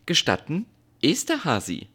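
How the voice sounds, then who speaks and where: A woman's voice: very deep voice, sing-song, measured pace, breathy edge, voice pushed down, exaggerated voice. A woman voicing a small, proud and polite male hare in a storybook, speaking in a courteous, formal way.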